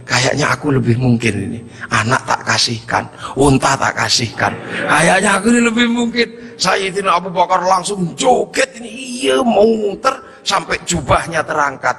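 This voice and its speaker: Animated, gravelly preacher. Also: male voice, a little high, moderate pace. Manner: animated, theatrical storyteller. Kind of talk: humorous sermon storytelling. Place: palace hall.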